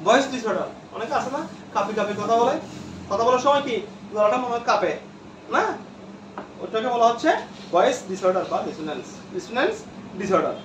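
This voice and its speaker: A man's voice: sits high, lively intonation, fast, background noise. A male teacher lecturing a classroom, repeating terms and quizzing his students. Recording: echoey room from far off.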